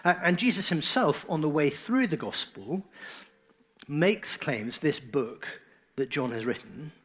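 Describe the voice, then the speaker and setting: A man preaching a sermon in an earnest, emphatic way, his phrases often trailing off softly. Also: fairly high pitch, very animated, measured pace, husky.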